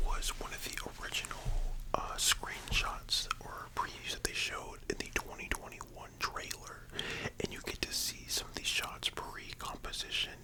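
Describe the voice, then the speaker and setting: A young adult ASMR host chatting about anime in a soft, sleepy library-style whisper, informal and rambling with casual asides. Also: low-quality recording.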